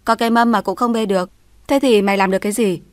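A woman's voice: mid-range voice, steady tone, fast talker, dry recording, studio quality, natural voice. A woman voicing a contemptuous sister-in-law who talks down in a sneering, dismissive way.

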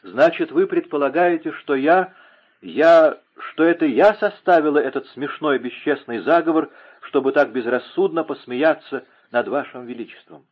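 Мужчина изображает отчаявшуюся молодую девушку. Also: male voice, a little high, animated, normal speed, voice pushed up. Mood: bitter, desperate. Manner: impassioned, pleading. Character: young woman, distraught, pleading lover. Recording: narrow phone-like lo-fi sound.

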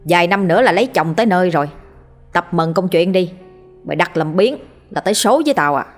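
A woman's voice: on the low side, expressive, soft background music. A woman with a Southern Vietnamese accent voicing a domineering rural father who barks threats at his children. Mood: threatening. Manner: barking, threatening, fast.

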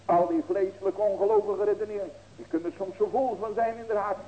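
A man's voice: high voice, fairly even intonation, fast talker, highs cut off, a little hiss or hum. A man in his sixties preaching as a pastor, earnest and folksy, with rhetorical questions and emphatic ringing cries. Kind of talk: sermon.

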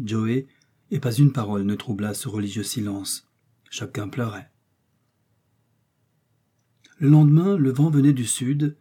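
A man narrating a classic novel as an audiobook, in a slow, expressive reading. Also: mid-range voice, slightly rough. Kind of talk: scripted narration.

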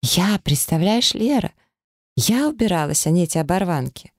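A reader voicing a spoiled, panicky young trophy wife who squeals and whines, in an audiobook. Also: female voice, on the low side, big pitch swings, normal speed, darkish tone, no room sound, studio quality, voice pushed up. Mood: whiny. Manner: squealing, whiny. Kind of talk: audiobook character voice.

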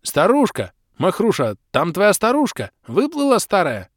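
A man voicing an impatient, brash young male adventurer who talks bluntly and shouts a lot. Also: medium pitch, very animated, moderate pace, no echo, clean studio sound, natural voice. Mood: shouting.

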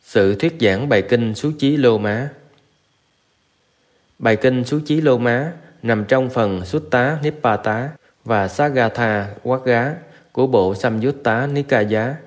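A man reading a Buddhist scripture aloud in a steady, measured recitation, with Pali verses woven in. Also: mid-range voice. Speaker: narrator.

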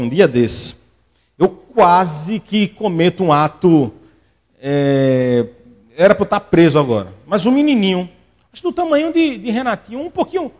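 A male pastor, preaching a sermon and telling stories with lively acted-out voices. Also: a little high. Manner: animated storytelling, acts out quoted voices.

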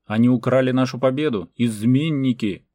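A male narrator voicing a furious fortress commandant who shouts in rage. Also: medium pitch, moderate pace, no room sound, pitched above the performer's own voice, natural voice. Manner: shouting, enraged.

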